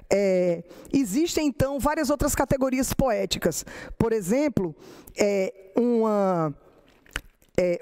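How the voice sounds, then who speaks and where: A middle-aged woman with a Brazilian Portuguese accent, a lecturer and poet who explains verse forms and recites her own poems slowly. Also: on the high side, darkish tone.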